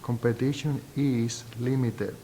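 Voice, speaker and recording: A middle-aged university professor from Puerto Rico, a native Spanish speaker with a thick Puerto Rican accent, gives reflective, halting and deliberate interview answers. His intonation is fairly even and his tone warm. The recording is noisy, with a low rumble behind him.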